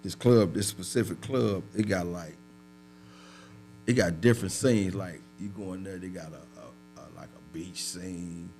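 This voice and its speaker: A man's voice: sits low, a little slow, slight background noise, rough recording. A man telling a rowdy story on a podcast, loose and profane, breaking into laughter. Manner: animated storyteller, laughs often, profane street slang. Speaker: podcast guest. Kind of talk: casual storytelling.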